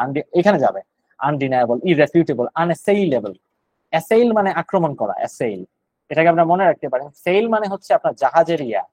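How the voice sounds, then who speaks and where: Man, Bangladeshi accent, online vocabulary lesson, thinks aloud, slightly high voice, dry sound. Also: a little mellow, no room sound, rough recording. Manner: explains word by word, thinking aloud with fillers. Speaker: GRE vocabulary instructor.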